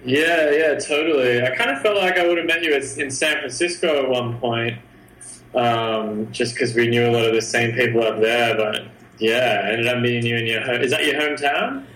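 A young Australian man being interviewed, easygoing and hesitant, filling pauses with lots of ums. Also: medium pitch, fairly bright tone. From Sydney, Australia. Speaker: guest artist. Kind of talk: casual interview chat. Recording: echoey room.

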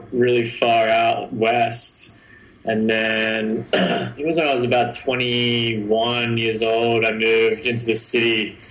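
A young Australian man being interviewed, easygoing and hesitant, filling pauses with lots of ums. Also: mid-range voice. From Sydney, Australia. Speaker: guest artist. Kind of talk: casual interview chat. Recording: echoey room.

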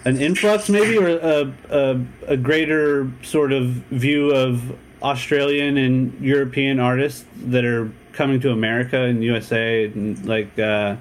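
A man's voice: medium pitch, fairly even intonation, a little slow, few pauses. A man from San Diego hosting a casual interview, laid-back and rambling, swearing casually. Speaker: podcast host.

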